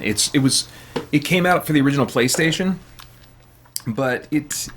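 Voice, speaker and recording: A man's voice: mid-range voice, fairly bright tone. A man hosting a gaming channel, chatting casually and thinking aloud with many fillers while he plays. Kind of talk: casual chat while playing games.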